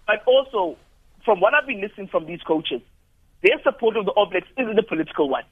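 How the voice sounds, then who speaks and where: A man giving measured rugby analysis as a radio guest. He often restarts phrases while he builds an argument. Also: sits high, animated, husky, no echo. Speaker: studio guest commentator. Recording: tinny phone line.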